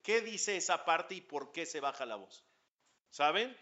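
A man, a rabbi giving a lively religious class, questioning his listeners and chanting Hebrew prayer lines. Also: a little high, unhurried, dull audio.

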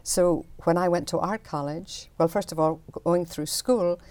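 A woman's voice: fairly low pitch, steady tone, unhurried, darkish tone, dry recording. An older woman, an artist explaining her work in a chatty interview. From Northern Ireland.

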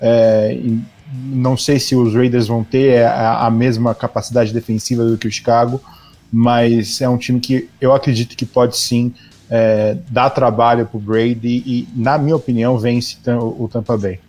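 A Brazilian man with a slightly mellow, mid-pitched voice. He gives hesitant, explanatory football analysis in an informal live stream, with faint music underneath. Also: level tone, normal speed.

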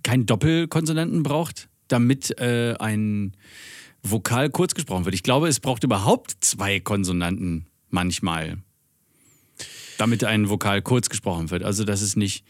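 A man's voice: on the low side, lively intonation, moderate pace, no room sound. German guy rambling in a casual chat, keeps losing his thread, dry close mic. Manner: rambling, loses his thread, crude jokes.

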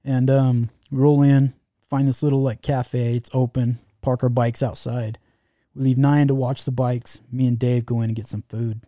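A man's voice: mid-range voice, level tone, normal speed, mellow, dry recording, clean studio sound. A man telling a travel story in casual chat, rambling with lots of fillers and restarts.

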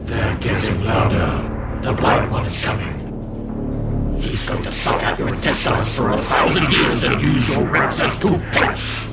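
An actor playing a possessed young man who speaks in a demonic voice, slow and menacing, from a film clip. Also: lively intonation, over loud music. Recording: film clip with loud background rumble.

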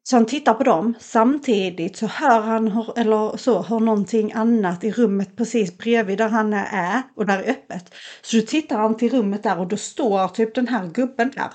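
A young woman co-hosting a podcast, recounting a story with lively energy. Her voice sits a little on the high side, and she slips into the voices of the people in the story as she goes. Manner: animated retelling, acts out quotes. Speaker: podcast co-host. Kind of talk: casual storytelling chat.

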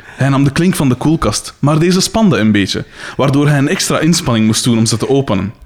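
A man's voice: medium pitch, animated, fairly quick. A young Flemish man hosting a podcast, reading a comic story aloud in a playful, amused way. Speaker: podcast host.

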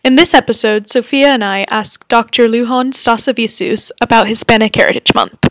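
Young woman, podcast host, scripted intro, upbeat, high voice, dry close sound. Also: normal speed, fairly bright tone, dry recording.

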